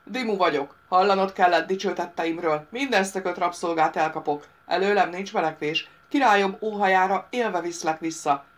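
Bragging male monster soldier, voiced by a woman, loud and gruff, storybook villain, lowish voice. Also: few pauses, close to an everyday voice. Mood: boastful. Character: boastful male monster-soldier bounty hunter, dim, barking.

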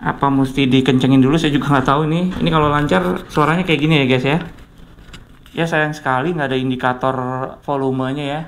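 A man's voice: a little high, steady tone, a little fast, slight background noise. A man giving a casual product review, chatty and addressing viewers often. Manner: chatty, says "guys" a lot. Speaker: tech reviewer.

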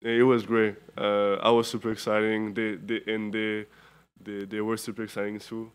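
A tired young man from Europe speaks into a table microphone in an indoor press room. His voice is lowish, clean and resonant, and it stays fairly level in pitch. He talks haltingly, with lots of fillers and restarts. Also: completely flat delivery, clean tone. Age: 20s. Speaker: basketball player. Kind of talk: postgame press conference answers.

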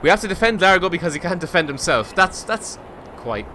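A man's voice: high-pitched, very animated, a little fast, pushed and bright, slight background noise. A man in his thirties with an Irish accent, giving casual, sardonic, sweary live game commentary. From Ireland. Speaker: game streamer. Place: indoor room, streaming setup.

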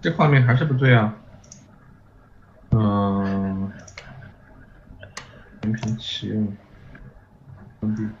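A man's voice: lowish voice, slow, pauses often. A man chatting casually as a gaming partner, repeating himself as he checks his setup. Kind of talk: casual chat while troubleshooting audio. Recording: muffled mic with faint noise.

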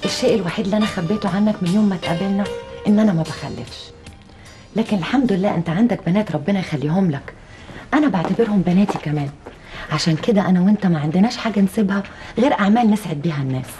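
An actress playing an earnest, emotional wife and stage actress with an Egyptian accent. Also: female voice, medium pitch, rapid-fire, mellow, faint music behind, close to an everyday voice. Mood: confessing. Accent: Egyptian Arabic. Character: heartfelt actress wife, confessing to her husband. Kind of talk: TV drama acting.

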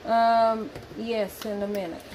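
A woman's voice: fairly high pitch, flat delivery, slow pace. A Southern woman casually talking viewers through cooking dinner in her home kitchen, explaining each step as she goes. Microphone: handheld phone camera. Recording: noisy kitchen phone recording.

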